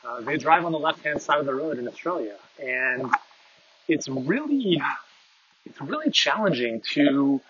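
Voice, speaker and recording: A Canadian man hosts a podcast as a casual monologue while out walking on a windy day, with a fairly high, lively voice and an unhurried pace. He rambles conversationally and uses lots of fillers. His phone's wireless earbuds make him sound tinny, dull and muffled, like a tin can, with faint wind audible.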